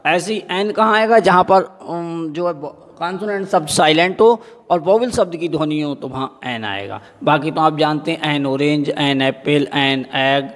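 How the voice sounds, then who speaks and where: High-voiced male teacher in an echoing room. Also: fairly bright tone. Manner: asks the class questions and answers them himself; repeats each example word slowly. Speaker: school teacher. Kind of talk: classroom grammar lesson.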